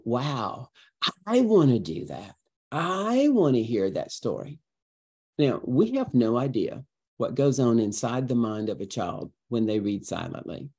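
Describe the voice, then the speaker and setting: In a mid-range voice, he fields interview questions as a visiting educator. His answers are chatty yet animated and forceful, and he acts out each example like a seasoned storyteller.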